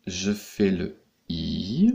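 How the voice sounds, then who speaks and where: A man's voice: low-pitched, very animated, very slow, gravelly, mellow. A man teaching young pupils in a recorded lesson, patiently explaining each step. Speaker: primary school teacher.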